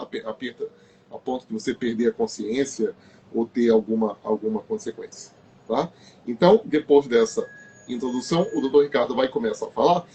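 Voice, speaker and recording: A man's voice: a little high, darkish tone, a little hiss or hum. A man hosting a live health stream, emphatic and repeating his key phrases. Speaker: host.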